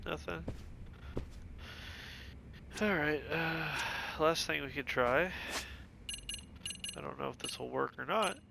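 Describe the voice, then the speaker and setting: A man talks through a video game, his voice gravelly and blocked up by a cold. He mutters his thoughts as he works through puzzles. Steady background noise sits under the recording. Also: on the high side, slow, pauses often. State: stuffed up from a cold. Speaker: let's play gamer. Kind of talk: casual gameplay commentary.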